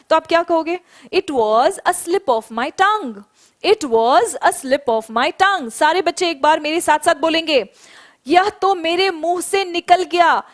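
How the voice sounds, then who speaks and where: A young woman teaching an online spoken English class, explaining in Hindi and drilling English phrases slowly for students to repeat. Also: extremely high pitch.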